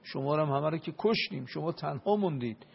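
A man giving an impassioned religious talk and prayer, building up to loud emphasis at times. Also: fairly high pitch, animated, vocal fry, husky. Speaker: religious speaker. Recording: dull lo-fi radio broadcast.

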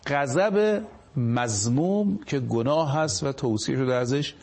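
A man's voice: mid-range voice, a little mellow. Man teaching religion on a TV show. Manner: reads Arabic scripture slowly, then paraphrases it; asks rhetorical questions of the viewers. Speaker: religious speaker on a TV program. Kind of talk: televised religious talk.

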